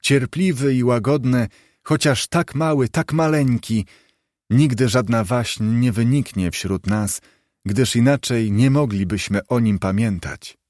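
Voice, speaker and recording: A man reading the part of a humble, grieving clerk and father, in a warm and earnest tone. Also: mid-range voice, unhurried, no echo, studio quality, close to an everyday voice. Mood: tender.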